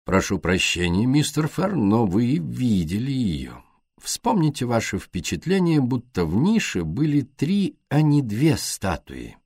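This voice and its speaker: A man voicing a shrewd, courteous foreign male detective in an audiobook, talking slowly, softly and deliberately. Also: medium pitch, huge pitch swings, husky, no echo, studio quality, full character voice. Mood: gentle, insistent. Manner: slow, soft, deliberate.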